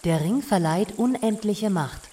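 A woman's voice: medium pitch, animated, unhurried, dark tone, lightly acted. A woman playing a clever female companion who explains things in a matter-of-fact way, in a children's audio story. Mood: explaining.

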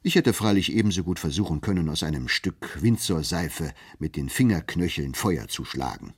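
A man giving a measured, expressive first-person narration of a literary story. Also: low-pitched, breathy edge. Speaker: audiobook narrator.

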